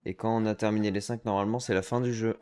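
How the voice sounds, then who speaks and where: A man's voice: fairly low pitch, fairly even intonation, fast, a little mellow, smooth. A man giving chatty let's-play commentary as a gaming streamer, reacting aloud to the game and dropping English slang.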